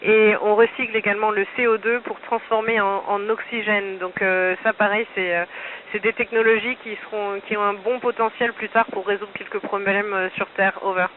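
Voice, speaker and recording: A man's high, fairly flat voice comes through a narrow, phone-thin amateur radio downlink from space, with steady hiss underneath. He explains things patiently and closes every answer with radio protocol. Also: normal speed. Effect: noisy, narrow ham radio downlink from space. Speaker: astronaut answering students. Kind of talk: radio Q&A with a school.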